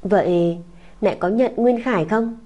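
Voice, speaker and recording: A woman's voice: medium pitch, unhurried, mellow, dull audio, lightly acted. A woman voicing a small tearful boy who clings and pleads, in a sobbing, whiny child's voice. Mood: tearful pleading. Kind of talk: audiobook character voice.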